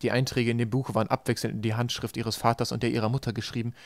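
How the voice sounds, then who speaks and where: A man reads scripted prose for an audiobook at a brisk clip, his medium-pitched voice showing little pitch movement. The sound is close and dry with no echo.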